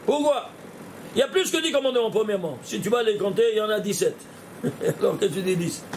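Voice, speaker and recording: A man teaching a Torah lesson as a rabbi, lively and questioning, talking straight to his listeners. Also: high-pitched, a little fast, slight background noise. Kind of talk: animated Torah lesson with gematria.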